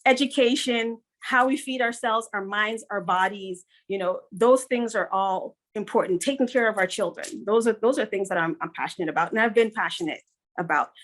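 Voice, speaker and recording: Here a woman of medium pitch talks at a moderate pace with a slightly bright tone. She's a middle-aged business consultant from Guyana, guesting on an interview podcast, earnest and upbeat, driving her points home by repeating them.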